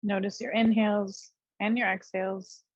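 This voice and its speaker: This woman, a yoga teacher, has a breathy, husky medium-pitched voice and a flat delivery as she leads an unscripted guided meditation. Her phrases come short, gentle and unhurried, with gaps between them, and the recording sounds dry and slightly dull.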